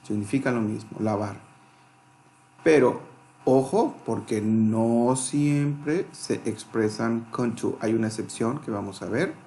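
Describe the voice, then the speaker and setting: A man's voice: mid-range voice, slow, gravelly, warm tone, slight background noise. Man teaching a grammar lesson. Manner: explains step by step, spelling out letters and translating examples. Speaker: English teacher. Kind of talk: grammar lesson explaining rules.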